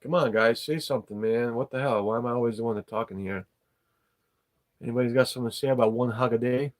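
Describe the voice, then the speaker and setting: A fast-talking man with a medium-pitched voice hosts an unscripted livestream chat in English, his second language. He rambles, speaks frankly, and swears casually.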